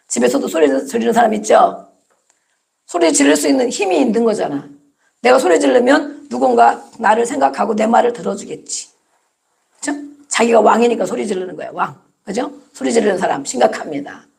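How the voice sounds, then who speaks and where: A woman's voice: a little high, vocal fry. A woman pastor preaching a Sunday sermon, emphatic and repetitive, often prompting her listeners with "amen" and rhetorical questions.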